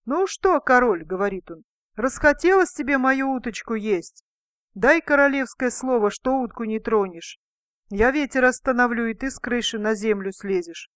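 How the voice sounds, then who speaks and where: A simple peasant man speaks up against a greedy king, quick and earnest, as a woman puts him on. He is humble at first and then bold. Dry, close storybook reading. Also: a little high, no room sound, lightly acted. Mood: mocking. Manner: pleading, later mocking.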